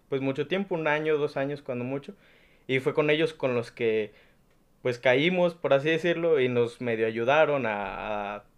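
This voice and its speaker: A man in his twenties with a Nayarit Mexican accent, a student guest talking thoughtfully with many pauses and fillers. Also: medium pitch, clear, resonant tone, lo-fi sound. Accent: Nayarit Mexican Spanish. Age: 20s. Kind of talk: casual chat.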